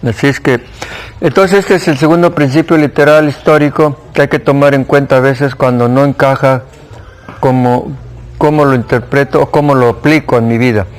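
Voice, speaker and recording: A man's voice: medium pitch, steady tone, moderate pace. A man with a Mexican Spanish accent teaching a church Bible class, conversational, questioning the class and repeating key points.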